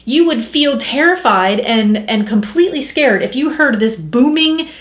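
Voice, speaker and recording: A woman speaking as a spiritual coach in a casual teaching talk, chatty and animated, acting out inner voices as she explains. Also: high voice, moderate pace, echoey room.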